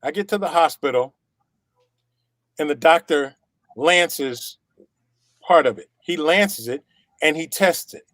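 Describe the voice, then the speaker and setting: An animated middle-aged man tells his story in a fairly high voice. He circles back on phrases for emphasis and acts out the voices of the people in it. The sound is close and dry, with no room in it. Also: takes it slowly, long pauses, no echo. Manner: acts out quoted dialogue. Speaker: testimonial guest. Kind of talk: personal storytelling.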